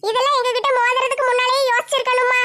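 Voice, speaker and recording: A woman's voice: very high-pitched, flat delivery, quick pace, sharp tone. A woman voicing a fierce village woman who taunts and threatens a rival. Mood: menacing. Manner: threatening, taunting, vicious relish. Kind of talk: one-woman comic skit.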